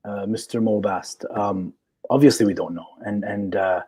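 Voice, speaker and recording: A man's voice: fairly low pitch, fairly even intonation, moderate pace, a little mellow, slightly rough. A man in his forties, a psychologist in a live chat, talking assertively and checking in with "okay?" as he explains. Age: 40s. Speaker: guest psychologist.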